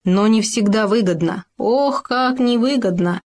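A woman's voice: mid-range voice, moderate pace, close to an everyday voice. A woman voicing a bossy, meddling male hamster who lectures and scolds in a storybook tale. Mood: lecturing. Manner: preachy, scolding.

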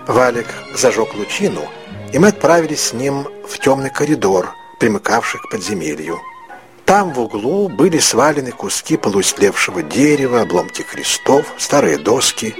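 A man reading a literary story aloud as narrator, in a measured, reflective way. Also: mid-range voice, sing-song, music in the background.

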